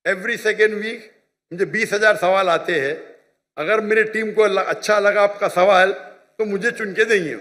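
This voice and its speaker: In a large hall before an audience, a man responds to a question at a public religious talk. He lectures emphatically, repeating points and asking "you understand?", in a high, unhurried, slightly bright voice.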